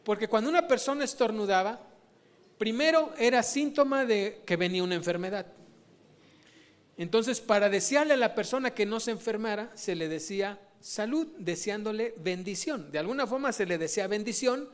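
Male preacher, high voice, chatty sermon delivery, constant rhetorical asides. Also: animated, normal speed. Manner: conversational, rhetorical questions to the congregation. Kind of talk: informal sermon teaching.

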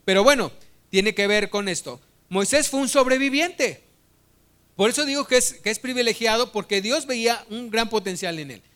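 High-voiced preacher. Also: male voice, lively intonation, moderate pace, fairly bright tone. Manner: conversational, humorous storytelling. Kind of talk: sermon.

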